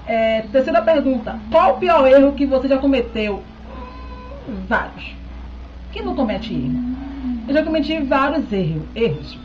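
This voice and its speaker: This is a thirty-something beauty vlogger in a small room at home, talking casually to a close-up webcam as she answers questions and stays in touch with viewers. Her voice sits high and a little mellow, expressive at a moderate pace, and she chats along, regularly checking in with "tá?". The sound is muffled, with a little hiss or hum.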